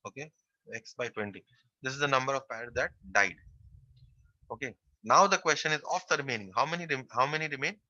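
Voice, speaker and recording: Math teacher guy, real bright tone, keeps repeating stuff, muffled dry online class sound. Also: medium pitch, fast talker, pauses often, no room sound. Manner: step-by-step, repeats key phrases.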